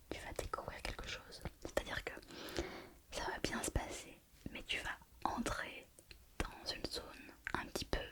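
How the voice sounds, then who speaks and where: A woman playing a mystical fortune teller in a whispered role-play, repeating her phrases as she reassures the listener. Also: close to an everyday voice. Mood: mysterious, soothing. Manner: slow, repetitive fortune-teller delivery, addressing the listener. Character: mystical female fortune teller reading horoscopes, mysterious and reassuring.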